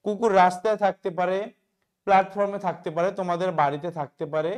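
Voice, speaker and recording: A man's voice: sits high, fast, clear, resonant tone. Man, teacher from West Bengal, grammar lesson, answers his own questions, keeps checking "okay?". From West Bengal, India. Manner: asks questions and answers them himself, often checks "okay?". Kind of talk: explaining grammar in a class video.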